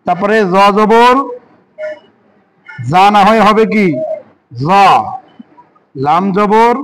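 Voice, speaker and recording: A man's voice: high-pitched, very slow, fairly bright tone, clean tone, poor audio. A man teaching Quran reading step by step. He patiently spells out each syllable, repeats it, and asks and answers his own questions.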